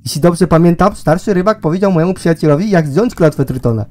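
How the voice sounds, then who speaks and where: A man's voice: on the high side, animated, fast talker, a little mellow. A man reading a story game aloud in a let's play, with laughs and swearing between lines.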